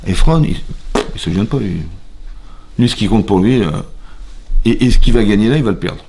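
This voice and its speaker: A man's voice: lowish voice, normal speed, noisy background. A man, a rabbi, teaching a Torah class in a synagogue, who questions his listeners and acts out quoted dialogue. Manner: lively, asks the audience questions.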